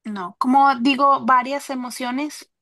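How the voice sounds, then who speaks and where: Woman, student, slow, hesitant, searching for words, slightly high. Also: steady tone, pushed and bright. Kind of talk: answering in class.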